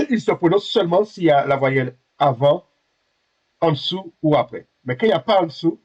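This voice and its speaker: Husky-voiced man teaching a language class. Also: fairly high pitch, expressive, a little mellow, dull audio. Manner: halting, self-correcting, repeats himself; patient, checks students understand. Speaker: Hebrew teacher.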